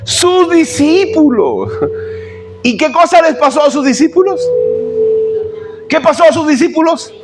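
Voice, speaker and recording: A man's voice: extremely high pitch, moderate pace, long pauses, over loud music. A man, a pastor preaching a sermon in church. He preaches emphatically, firing rhetorical questions at the congregation and calling them brothers.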